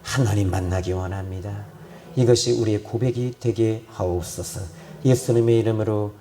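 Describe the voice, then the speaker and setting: A male pastor preaching a sermon and praying, swinging from loud fervent repetition to quiet, low reflection. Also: fairly even intonation, normal speed. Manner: repeats phrases for emphasis. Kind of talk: sermon with prayer.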